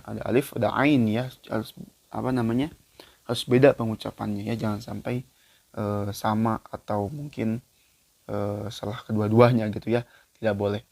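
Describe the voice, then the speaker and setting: A man teaching Quran recitation in a casual spoken lesson. He explains loosely with many fillers, then chants the verses slowly and louder. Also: on the low side, creaky, no room sound.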